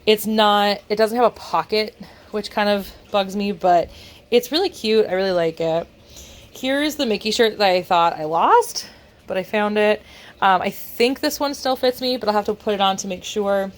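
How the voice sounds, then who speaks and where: A congested woman talking casually to her vlog camera, rambling with dry sarcastic asides. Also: medium pitch. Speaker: vlogger.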